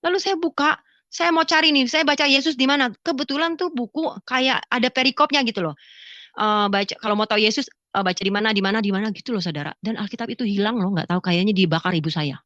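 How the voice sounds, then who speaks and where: A woman giving a spoken religious testimony, acting out conversations with lively vocal shifts. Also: a little high, quick pace, no echo, muffled recording. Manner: animated storyteller who acts out dialogue in a raised voice. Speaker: testimony speaker.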